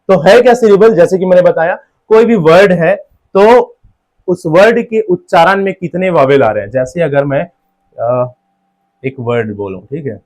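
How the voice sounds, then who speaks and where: A man giving an exam-prep lecture, explaining step by step and slowly breaking words into their sounds, often checking in with "theek hai". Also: fairly high pitch, a little mellow. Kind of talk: classroom-style lecture.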